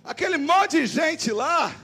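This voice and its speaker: A man with a Brazilian Portuguese accent, a pastor giving an animated sermon and acting out the dialogue in his stories. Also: extremely high pitch, takes it slowly, soft background music. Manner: animated preacher voicing quoted dialogue. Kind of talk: sermon with storytelling. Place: church service.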